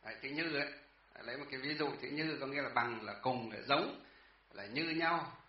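A man's voice: mid-range voice, moderate pace. Patient man lecturing in an echoey hall. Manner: patient, repeats words, asks the class questions. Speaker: Buddhist teacher. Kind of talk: classroom lecture on Chinese characters. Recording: echoey, distant, dull room sound.

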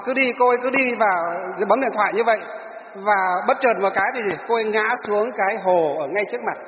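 A man's voice: high-pitched, a little hiss or hum. A male teacher, lecturing students in class and answering his own rhetorical questions. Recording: echoey hall, dull lo-fi.

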